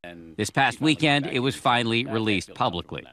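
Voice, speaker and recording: A man's voice: mid-range voice, expressive, normal speed, pushed and bright. An American man narrating a scripted news report as a reporter.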